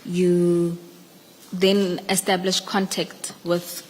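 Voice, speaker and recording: In a large indoor hearing room, a woman with a South African accent formally questions a witness as evidence leader. Her lowish voice is level, very slow and a little mellow, and the recording is echoey with background noise.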